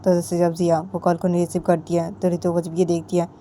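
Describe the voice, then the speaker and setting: A woman's voice: lowish voice, monotone, fast, warm tone, slight background noise. A woman narrating a romantic story in a plain, repetitive storytelling manner.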